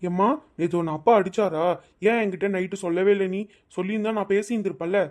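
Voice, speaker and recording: A gentle, obedient cartoon son speaks quickly, voiced by a woman. His voice is mid-pitched and coaxing. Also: steady tone, close to an everyday voice.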